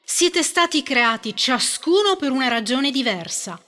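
A high, bright, swooping fairy of peace scolds and commands in a storybook tale, as a woman puts her on. The voice sits far off in a hall with a long echo, and it is slow and deliberate. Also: animated, heavily acted. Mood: stern. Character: stern female fairy of peace.

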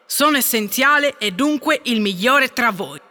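A woman's voice: a little high, expressive, moderate pace, in a large hall. A woman voicing the color red as a proud, boastful self-proclaimed king in a storybook tale. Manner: proud, shouting.

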